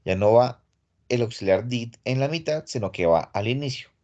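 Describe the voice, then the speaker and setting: A man's voice: mid-range voice, lively intonation, moderate pace, darkish tone, highs cut off. A man teaching English grammar in an online class, explaining step by step in a patient, casual way over a computer mic. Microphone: computer mic on a video call.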